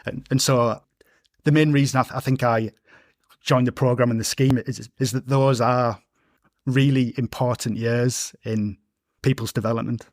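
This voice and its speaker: A man's voice: medium pitch, steady tone, moderate pace, no echo, clean studio sound. A man, hosting a podcast interview and speaking with a stammer, repeating sounds and restarting words. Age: 30s. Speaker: podcast host. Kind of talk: conversational interview.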